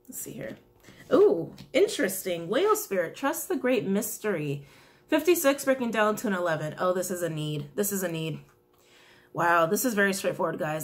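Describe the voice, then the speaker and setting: A young tarot reader with a raspy, slightly worn, mid-range voice reads cards straight to the camera from a small indoor room. She talks casually and chattily, often giggling and adding apologetic asides.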